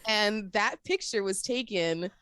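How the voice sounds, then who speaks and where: A woman's voice: medium pitch, measured pace, fairly bright tone, clean tone, no room sound, clean studio sound. A woman from Florida, an upbeat and chatty podcast producer who tells stories and laughs often as an interview guest. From Florida, USA. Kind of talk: casual interview chat.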